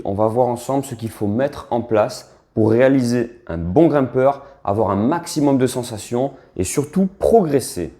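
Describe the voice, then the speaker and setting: A man coaching a fitness exercise in a relaxed, chatty way, often checking in with the listener as he demonstrates. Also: a little high. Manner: relaxed, chatty coaching with frequent "hein" and "d'accord".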